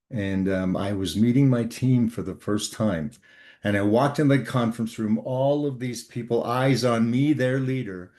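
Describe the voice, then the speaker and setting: An older man from Canada, a guest author on leadership, telling a work story in an earnest, measured way with frequent pauses and fillers. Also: mid-range voice, a little mellow. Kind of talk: storytelling interview talk.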